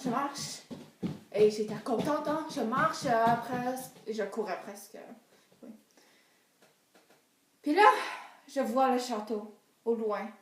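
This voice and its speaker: A young woman telling a comic story in a high, lively voice that leaps between near-whispers and excited bursts. The room adds a noticeable echo. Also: distant mic. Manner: animated, swinging from hushed asides to excited cries. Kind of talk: performed comic monologue. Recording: roomy echo.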